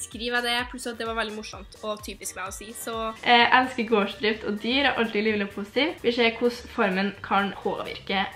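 A woman's voice: on the high side, fairly even intonation, few pauses, a bit bright, faint music behind. A nineteen-year-old woman from central Norway with a Trøndelag accent, chatting bubbly and giggly in a casual vlog. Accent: Trøndelag Norwegian. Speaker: YouTuber. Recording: echoey room.

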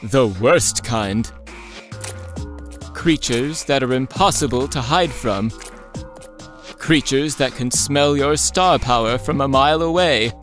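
A man narrating and voicing characters in a cartoon, with a playful, excitable delivery. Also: medium pitch, takes it slowly, long pauses, faint music behind. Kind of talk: cartoon voice acting.

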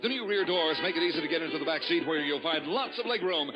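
A man reading scripted prize copy as a rapid-fire game show announcer. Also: fairly high pitch, expressive. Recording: old TV tape with loud music.

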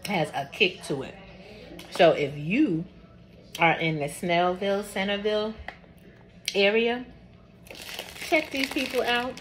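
In this casual cooking vlog, a woman from Georgia, US, talks and tastes food on camera with her mouth full. She has a medium-pitched, fairly bright voice, and there's audible background noise in the recording.

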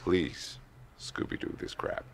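An actor playing a grave, weary adult male sorcerer who speaks in a stern, measured way. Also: faint music behind, lightly acted. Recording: roomy film audio played back.

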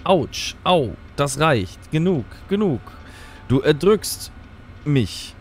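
A man voicing a grumpy, squeaky stuffed toy mouse in a storybook read from a game, grumbling indignantly. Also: very animated, slow pace, faint music behind, exaggerated voice. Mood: squashed.

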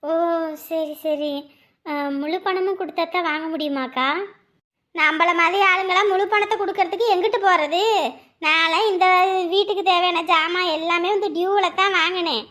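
A woman's voice: extremely high pitch, steady tone, moderate pace, pushed and bright. A woman, chatting and scolding in a neighbourly skit. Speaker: performer voicing village women. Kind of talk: village comedy skit dialogue.

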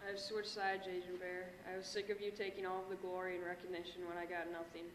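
A teenage boy plays a sulky turncoat agent in an amateur spoof. His delivery is deadpan and monotone. The room rings with echo and long reverb. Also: fast talker, slight background noise. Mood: resentful. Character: sulky young male turncoat secret agent. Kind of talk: amateur spy spoof acting. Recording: echoey room, boomy reverb.

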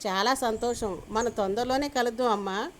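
A woman reading the part of an older father speaking slowly and gently on the phone. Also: a little high, a little hiss or hum, close to an everyday voice. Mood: courteous. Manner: slow, gentle, courteous.

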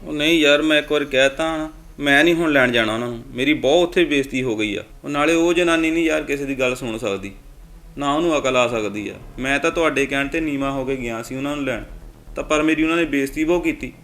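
A man's voice: medium pitch, a bit bright, natural voice. A man playing a hurt, stubborn brother who speaks with resentment. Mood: bitter. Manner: rapid, resentful.

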